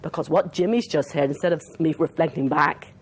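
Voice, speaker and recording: An Australian woman giving a conference talk as a trauma therapist, animated and acting out dialogue with clients. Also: sits low, fairly quick, a little hiss or hum. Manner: animated, acts out client dialogue, talks with her hands. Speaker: trauma therapist presenting to counsellors. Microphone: not handheld, clip-on.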